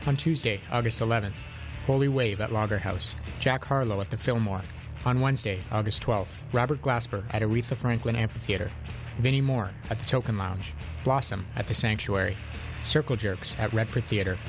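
A man reading out a concert listing as a radio announcer, in an even listing cadence. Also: lowish voice, fairly quick, soft background music, poor audio.

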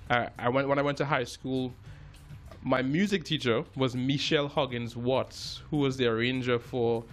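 Man, halting casual chat. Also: mid-range voice, steady tone, soft background music. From Trinidad and Tobago. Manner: halting, many restarts and repeated words. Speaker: jazz musician guest.

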